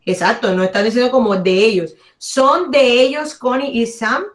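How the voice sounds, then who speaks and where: A female teacher running an online class on a video call keeps praising her students. Her voice is on the high side as she draws English words out slowly and overplays each sound for the class to copy.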